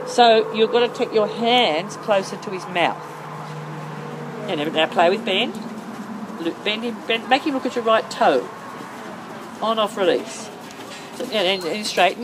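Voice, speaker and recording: A woman working as a horse-riding instructor, calling out short, insistent, repeated coaching commands in an outdoor arena. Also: mid-range voice. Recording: outdoor noise over camera microphone. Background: outdoor ambient noise.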